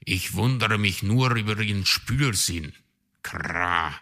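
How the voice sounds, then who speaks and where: A man's voice: lowish voice, lively intonation, slow, pushed and bright, heavily acted. A man voicing a doubtful, grumbling male raven in a storybook read-aloud, who caws between words. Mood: skeptical. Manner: skeptical, caws "Kra".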